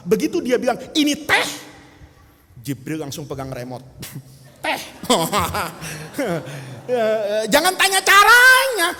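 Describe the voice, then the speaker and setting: Animated high-voiced preacher in a hall. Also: male voice. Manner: animated, acts out characters, jokey asides. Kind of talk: humorous sermon storytelling. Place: mosque or hall gathering. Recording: long hall reverb.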